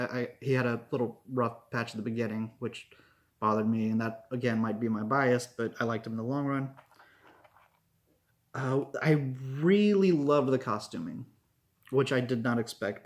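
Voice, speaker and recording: A man giving a casual spoken review, rambling with many "like"s and "um"s and restarting his sentences. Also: medium pitch. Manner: rambling, lots of fillers and restarts.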